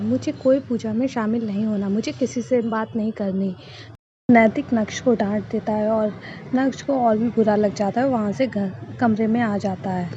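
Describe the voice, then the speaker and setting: A woman's voice: fairly high pitch, dark tone. A woman telling a TV serial's upcoming episode as a story, reading each character's lines in her own plain voice. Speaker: YouTuber recapping a TV serial. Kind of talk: casual spoken recap. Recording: dull lo-fi, noisy.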